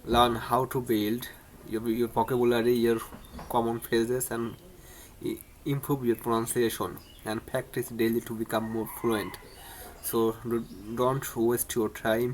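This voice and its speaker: A man's voice: medium pitch, a little hiss or hum. A man hosting his own channel, teaching English in a casual spoken lesson, often restarting and repeating words. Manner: repetitive, many restarts and stumbles.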